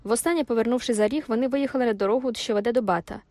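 A woman narrating an audiobook in a measured storytelling manner. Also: a little high, darkish tone, no echo. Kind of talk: scripted narration.

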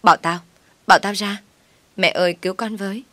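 A woman's voice: low voice, a little fast, fairly bright tone, no echo. A woman voicing a spiteful young sister-in-law with a sneering, whiny way of talking. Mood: pleading.

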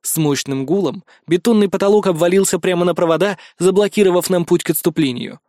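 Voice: medium pitch, fast talker, mellow, dry recording, clean studio sound. A reader narrating a first-person adventure story in a sardonic storytelling manner. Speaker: audiobook reader.

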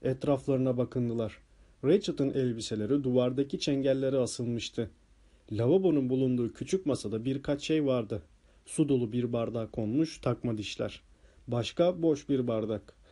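A man narrating an audiobook in a calm, steady way. His voice is dark and mellow, at an ordinary pitch for a man. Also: moderate pace. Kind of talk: scripted narration.

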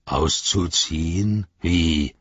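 A man voicing a sly, mocking male orc soldier, speaking slowly and heavily in an audiobook reading. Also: low voice, slightly rough, dry recording, lo-fi sound, exaggerated voice. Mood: sneering. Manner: slow, heavy, sneering delivery.

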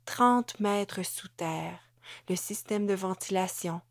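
A woman narrates a novel in a measured, even storytelling voice at a slow, deliberate pace. Her pitch sits in a middle range for a woman. The sound is dry and close to the mic, with no room around it. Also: dry recording. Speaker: audiobook narrator. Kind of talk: scripted narration.

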